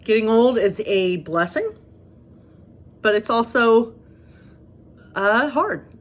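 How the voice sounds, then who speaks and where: A woman's voice: fairly high pitch, animated, slow. Chatty self-deprecating woman pastor in her thirties. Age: 30s. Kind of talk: casual devotional video talk and reading aloud.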